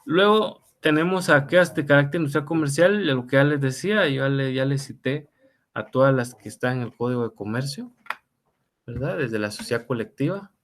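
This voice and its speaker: A man's voice: medium pitch, brisk. A middle-aged man teaching an online law class, talking conversationally with fillers and tag questions. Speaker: law lecturer.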